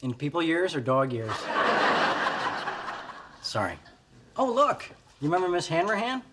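A man's voice: on the high side, sing-song, a little slow, heavy background noise. A man acting in a sitcom as a smug, womanising bachelor in his thirties, teasing with dry sarcasm. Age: 30s.

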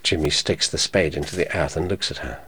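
A man narrating an audio description in a measured, neutral manner. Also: a bass voice. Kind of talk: scripted narration.

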